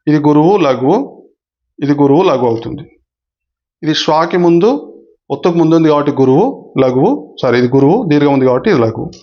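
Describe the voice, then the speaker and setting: A man's voice: a little high, fast talker, pauses often, muffled recording. A man teaching a grammar lesson for exam candidates, who explains patiently, repeats the key points and addresses his viewers politely.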